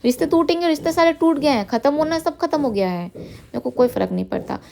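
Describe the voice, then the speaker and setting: A woman's voice: high-pitched, lively intonation, quick pace, gravelly, darkish tone, a little hiss or hum. A woman in her thirties speaking out in an emotional vlog, defiant and hurt, repeating herself and mixing English words into her speech. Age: 30s. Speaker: vlogger.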